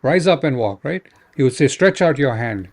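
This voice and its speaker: A man's voice: mid-range voice, expressive, moderate pace. A man ministering in prayer, fervent and exhorting, often tagging his sentences with "right?".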